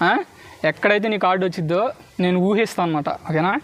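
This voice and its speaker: A man with a Telugu accent doing loud, bantering street magic patter for spectators, dropping in English words. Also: high-pitched, fairly even intonation, quick pace. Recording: clearly noisy on-location recording.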